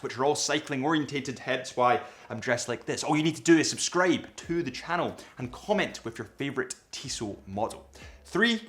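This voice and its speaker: With a fairly bright, mid-range voice made slightly nasal by a cold, a young man talks to camera about a watch he's reviewing. His delivery is chatty and a bit rambling, peppered with self-aware asides.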